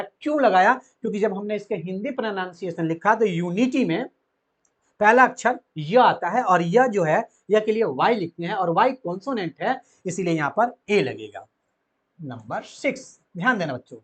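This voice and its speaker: Guy teaching grammar to kids, keeps asking questions then answering himself. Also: high voice. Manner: asks pupils questions and answers them himself. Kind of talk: classroom grammar lesson.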